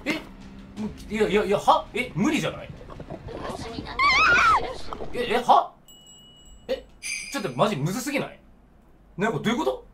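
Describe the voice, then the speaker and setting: Brief: young gamer, high voice swinging wildly, jokey reactions, noisy recording. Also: male voice, normal speed, pauses often. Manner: excitable, jokey, reacting out loud. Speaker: game streamer. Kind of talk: let's play commentary.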